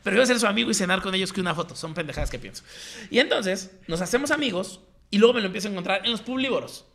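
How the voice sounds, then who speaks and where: Slangy Mexican man, gravelly and bright. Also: high voice, racing. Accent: Mexican Spanish. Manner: slangy, animated, acts out quoted voices. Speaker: guest telling his story. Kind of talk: casual storytelling chat.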